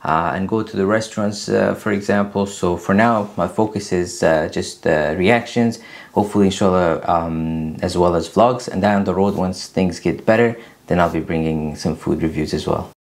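Vlogger, male, thirties, low-pitched, earnest and halting, seated at a desk camera. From Afghanistan. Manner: earnest, many "uh" pauses. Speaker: YouTube channel host. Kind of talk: casual Q&A to camera. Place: small room indoors. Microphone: camera at desk distance, seated.

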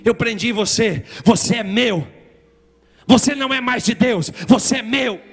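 A man putting on a gloating, shouting demon. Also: very high voice, a little slow, gravelly, soft background music, heavily acted. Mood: menacing. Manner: taunting, gloating, shouts threats. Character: mocking menacing male demon.

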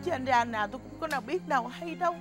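Brief: quick, high Southern Vietnamese woman, melodramatic wife, music behind. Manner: complaining, dramatic. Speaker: wife in a skit. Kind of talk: comedy skit acting.

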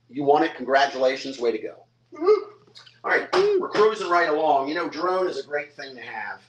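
An older man running a live-stream auction, describing each item in a chatty salesman patter and calling out bids. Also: mid-range voice. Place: hotel room or lounge, indoors. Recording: echoey room.

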